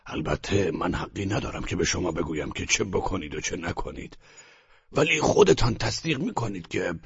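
A stern, pompous old general, put on by a male audiobook reader speaks in a very low, gravelly rasp. His delivery swoops up and down and he lets his sentences hang unfinished. The recording is dull and lo-fi. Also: animated, full character voice. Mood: disapproving. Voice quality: gravelly, raspy.

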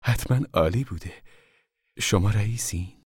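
A man reading an audiobook, voicing a wary, proud migrant mother in a soft, guarded voice. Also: fairly low pitch, slightly rough, no echo, clean studio sound, pitched above the performer's own voice. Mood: guarded warmth. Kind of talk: audiobook character voice.

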